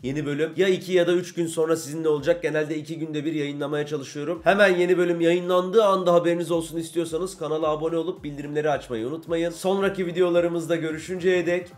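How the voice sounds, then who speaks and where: A young man giving casual, excitable commentary over his own football video game session, chatting to in-game teammates and to his viewers. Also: on the high side, fast talker, hardly any pauses. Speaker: gaming YouTuber.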